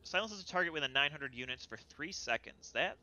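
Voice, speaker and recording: A man's voice: a little high, animated, quick pace, pushed and bright, lo-fi sound. A man joking around with playful slang while playing an online team game with a friend. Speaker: teammate. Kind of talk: casual gameplay chat.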